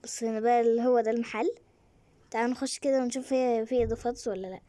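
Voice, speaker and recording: Woman, Egyptian accent, casual game commentary, rapid, lightly high voice, filler-heavy. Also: no echo. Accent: Egyptian Arabic. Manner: chatty, excitable, with many fillers. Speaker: gaming channel host.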